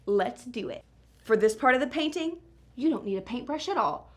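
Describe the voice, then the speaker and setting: A woman's voice: on the high side, lively intonation. A woman hosting a children's craft show in a singsong, exaggerated way, explaining simply and encouragingly as she speaks to young viewers. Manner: singsong, exaggerated kids-show delivery with questions and pauses for the viewer. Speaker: host of a children's art show.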